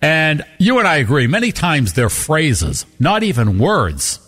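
A man co-hosting a radio show in casual on-air banter. His pitch runs a little high and swings widely as he teases. He keeps the talk light and playful. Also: measured pace. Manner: teasing, animated.

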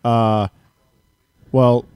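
A man's voice: medium pitch, little pitch movement, extremely slow, a little mellow, clean tone. A man chatting as a guest on a casual podcast, telling stories and swearing casually.

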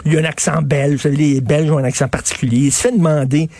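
A man with a Québécois French accent delivers an opinionated talk-radio monologue as host, emphatic and scornful. His voice sits fairly high for a man. The sound is close and dry, with no room around it. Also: steady tone, fast, mellow, no room sound. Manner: mocking asides in put-on voices.

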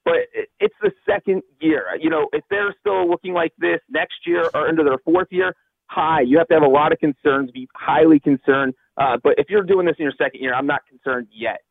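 A man from Cincinnati calling in over the phone as a guest analyst on a sports radio show, talking fast and sure of himself with plenty of fillers. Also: a little high, gravelly, no room sound. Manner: quick, confident, thinks aloud with fillers. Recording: tinny phone line.

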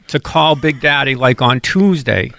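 Bright-voiced man telling a prank story. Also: medium pitch, measured pace, vocal fry. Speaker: radio host. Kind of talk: on-air storytelling.

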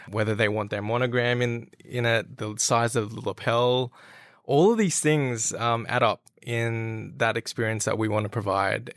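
A man's voice: on the low side, a bit bright, no room sound, clean studio sound. A man from Australia, a guest talking casually and a little hesitantly about his suit business and upbringing. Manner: hesitant, with fillers and restarts. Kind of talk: casual interview chat.

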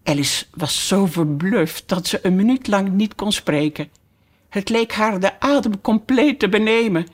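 A narrator reading a storybook aloud at an unhurried pace, calm and measured. The reading is expressive but steady, in the manner of an audiobook. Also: medium pitch.

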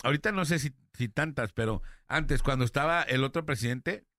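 Jokey bright-voiced Mexican radio man. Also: medium pitch, a little fast, no echo, clean studio sound. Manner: jokey, laughs often. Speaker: radio co-host. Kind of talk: casual radio banter. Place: radio booth.

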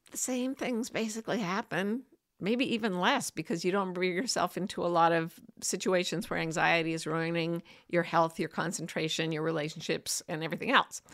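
A woman's voice: fairly low pitch, a bit bright. Chatty woman hosting a casual talk. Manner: chatty, informal, addresses listeners familiarly. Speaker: host of a weekly broadcast. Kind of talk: casual personal talk to an online audience.

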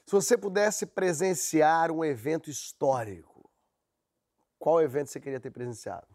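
A man's voice: a little high, moderate pace, darkish tone, dry recording, studio quality. A man hosting a casual group chat, reading out questions and reacting with jokes. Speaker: host.

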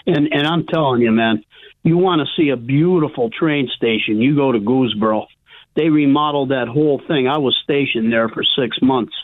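A man's voice: mid-range voice, normal speed, no room sound. An older man calling in to a radio show over a phone line, chatty and emphatic, calling the host "bro". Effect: phone-line caller audio.

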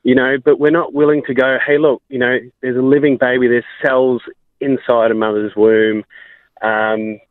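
A man's voice: medium pitch, level tone, moderate pace, no room sound. A man with a Queensland Australian accent giving his casual opinion as a radio phone-in caller, in a blokey, matey way. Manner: blokey, matey, says mate often. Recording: band-limited phone line on radio.

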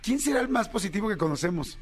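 A Mexican man co-hosting a radio talk show, with a high-pitched voice and eager, exclamation-filled reactions. He chats casually and jumps in quickly. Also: sing-song, over music. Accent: Mexican Spanish.

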